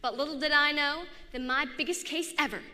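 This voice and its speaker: A woman's voice: high voice, a little fast, bright, forceful tone, voice pushed up. A woman voicing a boastful, self-assured boy detective telling his story. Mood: cocky. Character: confident boy kid detective narrating. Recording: echoey hall.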